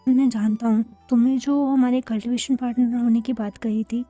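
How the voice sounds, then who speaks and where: Storybook lead, read by a woman: quiet sincere young man, soft and halting, warm mellow voice. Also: on the high side, little pitch movement, no room sound, faint music behind, close to an everyday voice. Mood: earnest.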